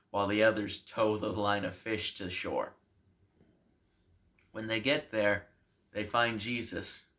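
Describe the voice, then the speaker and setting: A man, a pastor, telling a Bible story to children in a slow, deliberate way. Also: on the low side, a bit bright.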